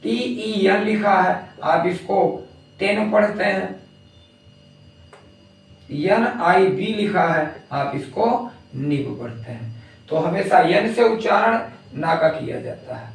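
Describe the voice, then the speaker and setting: Slow echoey male phonics teacher. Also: sits high. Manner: slow, spells words letter by letter. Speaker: English teacher. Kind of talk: phonics lesson. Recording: echoey room, distant mic.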